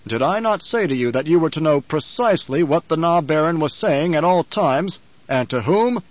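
A man voicing an older tyrant baron for an audiobook, coldly controlled and scheming, with a mocking, deliberate, imperious manner. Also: fairly high pitch, expressive, no room sound, lightly acted. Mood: cold anger. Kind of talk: audiobook character voice. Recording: slightly dull, lo-fi audio.

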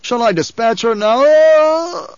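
A frantic old baron, voiced by a male narrator, loud and strained between pleading and fear. The pitch rides high. A dry, slightly dull studio recording. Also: very animated, moderate pace, no echo.

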